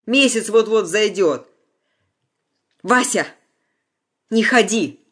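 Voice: medium pitch, normal speed, breathy edge, close to an everyday voice. A reader doing a desperate young bride. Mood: urgent, pleading. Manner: pleading, urgent.

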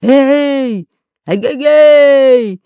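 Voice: high voice, extremely slow, mellow, dry recording, muffled recording, pitched above the performer's own voice, exaggerated voice. A reader voicing a grumpy, bossy fat red-bearded pirate captain in a storybook reading, with a growling manner. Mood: bellowing.

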